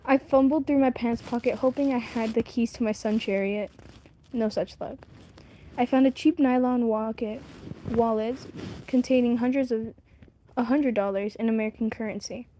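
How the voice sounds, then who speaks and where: A woman's voice: a little high, fairly even intonation, moderate pace, mellow, slight background noise. A woman streaming herself reading a novel aloud. She stumbles over words and stops to comment on the story. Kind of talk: casual read-aloud on a livestream.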